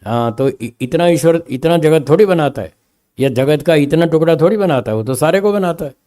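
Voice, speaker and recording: A man teaching a philosophy class, explaining meaning through slow spoken examples and often checking that his listeners follow. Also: a little high, mellow. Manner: stresses single words to show meaning.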